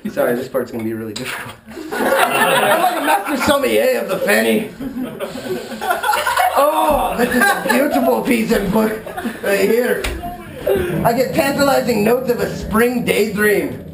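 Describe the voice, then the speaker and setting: A man's voice: very high-pitched, big pitch swings, measured pace, gravelly. A man delivering a bawdy comic after-dinner toast with a theatrical, mock-poetic manner at a live supper. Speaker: speaker giving a toast at a Burns supper. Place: live supper gathering in an echoey room. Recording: echoey room, loud background noise, clicks.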